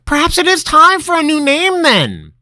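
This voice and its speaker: A man voicing an eccentric old male wizard master, theatrical and mischievous, with a high, booming, cackling voice. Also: wildly swooping pitch, normal speed, pushed and bright, no echo, studio quality, heavily acted. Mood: gleeful, theatrical. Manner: theatrical, mischievous, grand pronouncements. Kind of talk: storybook character voice.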